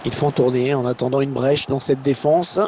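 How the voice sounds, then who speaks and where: A man commentating on a football match in an excited play-by-play style, his voice rising at chances and goals. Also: mid-range voice, moderate pace, noisy background, close to an everyday voice. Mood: engaged. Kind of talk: excited goal-call sports commentary.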